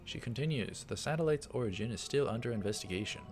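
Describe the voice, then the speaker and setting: This let's play host has a mid-range voice and talks fast and animatedly. He reads out the visual novel's text and drops in loose, offhand comments over the game's background music.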